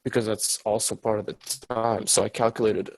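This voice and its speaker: A man's voice: on the low side, little pitch movement, fairly quick, a little mellow, rough recording. A male student explaining his answer on a laggy video call, his audio glitching and cutting out. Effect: choppy glitchy audio that keeps cutting out. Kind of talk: casual explanation in an online class. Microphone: phone on a laggy video call.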